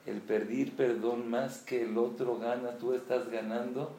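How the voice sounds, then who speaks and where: A man, a religious teacher giving a storytelling sermon and acting out the quoted dialogue with lively shifts in voice. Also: a little slow, slight background noise. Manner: animated, acts out quoted dialogue with rising pitch. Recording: echoey room with faint background ambience.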